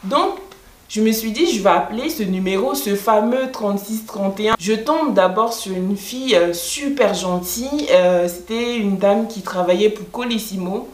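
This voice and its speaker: A woman vlogger telling a storytime in casual chat, animated and indignant, with many fillers. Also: mid-range voice, normal speed. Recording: echoey room.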